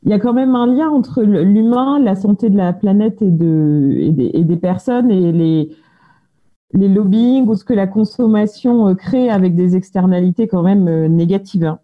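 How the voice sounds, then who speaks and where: A woman's voice: mid-range voice, normal speed. A woman moderating a round table without a script, hesitant and rephrasing her questions as she goes. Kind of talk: unscripted panel moderation. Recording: dull band-limited phone-like sound.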